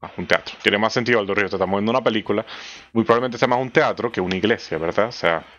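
A young man with a Venezuelan Spanish accent giving excitable let's play commentary on a horror game, swearing often and jumping into squeaky high exclamations. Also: rapid-fire, lo-fi sound.

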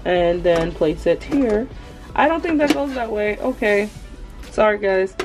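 A young adult woman chatting to viewers as she cooks in her home kitchen, excitable and talking as she works. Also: medium pitch, a little slow, music in the background, low-quality recording. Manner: chatty, excitable, talks to viewers while working. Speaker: cooking vlogger. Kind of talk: casual cook-along narration.

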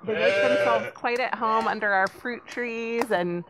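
A woman's voice: fairly high pitch, fairly even intonation, background noise. Woman giving a chicken coop tour outdoors. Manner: patient, explaining slowly and simply. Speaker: hobby farm owner giving a tour. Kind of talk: virtual field trip tour for children.

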